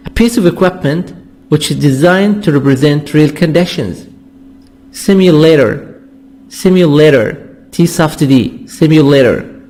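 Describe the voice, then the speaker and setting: Arabic-speaking male English teacher, slow, higher voice, repeats each word for drilling. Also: darkish tone. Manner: repeats words slowly to drill pronunciation. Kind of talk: vocabulary lesson explanation.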